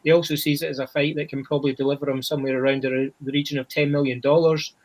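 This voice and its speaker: [name], a Scottish panelist on a boxing podcast, chats casually with lots of restarts and "you know"s. His slightly high, a little mellow voice stays level in tone while racing along.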